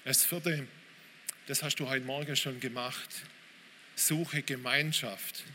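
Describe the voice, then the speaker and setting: A pastor preaching a sermon in a church hall, informal and direct, often calling out to listeners with "hey". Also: male voice, mid-range voice, fairly even intonation, slow pace, sharp tone. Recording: reverberant hall, faint room noise.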